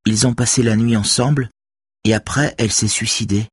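A man voicing a quiet, earnest teenage girl who talks softly and hesitantly in an audiobook, his voice raised for her. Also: on the low side, steady tone, normal speed, slightly rough, no echo, studio quality, voice pushed up. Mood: confiding.

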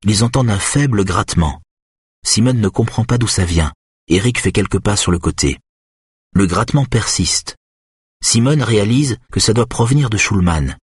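A man narrating a tense hospital scene in a steady, measured audiobook reading. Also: fairly low pitch, slightly rough, no room sound, studio quality. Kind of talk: scripted narration.

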